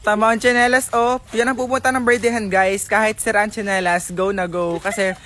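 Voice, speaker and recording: A man's voice: sits high, flat delivery, a little fast, pushed and bright. A man with a Southern Tagalog accent vlogging casually to camera and to a child in a playful, teasing, exclamatory way.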